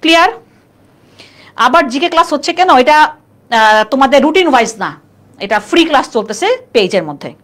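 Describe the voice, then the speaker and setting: A woman's voice: sits high, very animated, a little fast, pauses often, fairly bright tone. A young woman teaching a live online class, chatty and constantly checking in with students. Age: young adult. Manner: chatty, quizzing students with "clear?". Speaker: admission test tutor.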